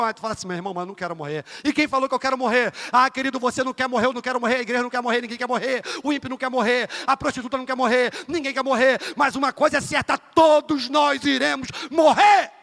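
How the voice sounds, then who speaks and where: A man with a Rio de Janeiro accent preaching an evangelical sermon in a church. He is emphatic, swinging between loud bursts and low asides, and calls his listeners dear brother and asks them for amens. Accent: Rio de Janeiro Portuguese. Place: church sanctuary. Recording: reverberant church hall.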